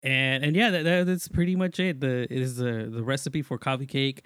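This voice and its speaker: A man's voice: medium pitch, steady tone, moderate pace, a bit bright, clear, resonant tone, no echo. A man from Mexico talks as a podcast guest in a casual, storytelling way. His voice sits mid-range, sounds dry and close, and his phrasing is informal and slangy. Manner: informal, slangy, quotes himself while telling stories. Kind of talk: casual chat and personal storytelling.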